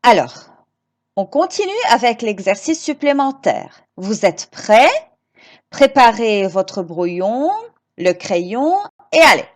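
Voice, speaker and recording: A woman teaching grammar to children, slow and emphatic, repeating each example and encouraging her pupils with questions. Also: a little high, lively intonation. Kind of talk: recorded grammar lesson for children.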